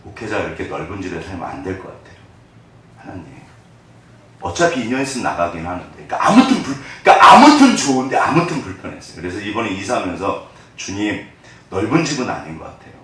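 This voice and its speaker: A man preaching a conversational sermon as pastor, swinging between hushed asides and animated bursts. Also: low-pitched, fast. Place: church sanctuary. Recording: echoey church hall from far off.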